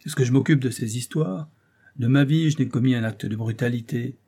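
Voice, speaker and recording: A gruff, blustering former cook, quick to grow defensive, as a man reading the novel puts him on. His voice is husky and dark, and he bristles as he talks. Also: medium pitch. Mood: indignant. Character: blustering middle-aged male ex-cook, defensive. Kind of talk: audiobook character voice.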